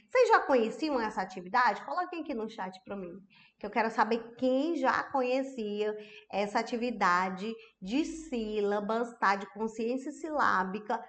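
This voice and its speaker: Chatty woman teaching. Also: a little high. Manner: chatty, tag questions to the audience. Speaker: educational psychologist. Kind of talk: online masterclass.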